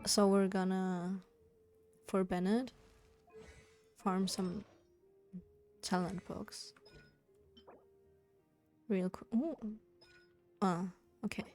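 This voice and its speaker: Quiet, relaxed woman streamer over game music. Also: medium pitch, drawn-out words, pauses often. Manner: quiet, keeping voice down for a sleeping roommate. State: sleepy, yawning. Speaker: live streamer playing a video game. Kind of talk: relaxed casual chat with viewers. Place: indoors at home.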